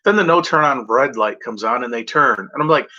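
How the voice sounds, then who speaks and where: A man chatting in a loose, meandering way, drifting from one half-remembered story to the next and cursing now and then. His voice has a bright, forceful edge. The recording sounds dull and lo-fi. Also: medium pitch, lively intonation, brisk. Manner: meandering, off-script, swears freely. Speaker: vlogger. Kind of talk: rambling casual chat.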